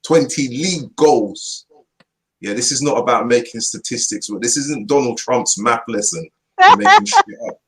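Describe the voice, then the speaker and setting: A man giving forceful, opinionated football punditry in a casual chat, repeating his points slowly for emphasis. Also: medium pitch, lively intonation, rough recording. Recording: online video chat, voice only.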